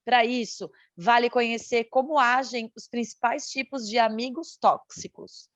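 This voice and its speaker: A woman in her thirties from Santa Catarina, co-hosting a podcast with measured reading and teasing banter. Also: fairly high pitch, fairly even intonation, no echo. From Santa Catarina, Brazil. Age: 30s. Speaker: podcast co-host. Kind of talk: podcast chat and scripted reading.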